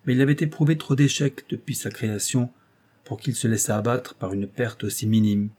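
A man narrates a classic story as an audiobook, measured and expressive. His voice sits low and mellow, with a husky edge.

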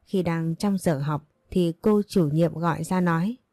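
A woman narrating a story in a steady scripted reading, voicing every part in a mostly even voice. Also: on the low side, measured pace, no echo, studio quality.

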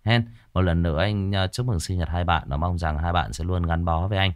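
A man's voice: sits low, a little fast. Joking male livestream host. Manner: joking, teasing banter. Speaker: livestream host reading ghost stories. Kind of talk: casual livestream chat greeting viewers.

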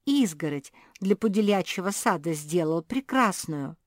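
A woman's voice: fairly low pitch, lively intonation, measured pace, dry recording, studio quality. A woman voicing a playful, teasing adult female dog in an audiobook. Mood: gossiping.

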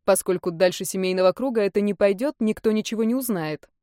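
A woman reading the part of a composed aristocratic male academy rector who speaks in a calm, matter-of-fact way. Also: mid-range voice, fast, no echo, clean studio sound, lightly acted.

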